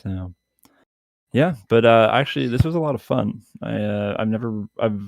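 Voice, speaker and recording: A man guesting on a podcast, chatting casually in a halting way full of fillers and restarts. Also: fairly low pitch, vocal fry, no room sound, studio quality. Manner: halting, filler-heavy, laughs easily. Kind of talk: casual chat.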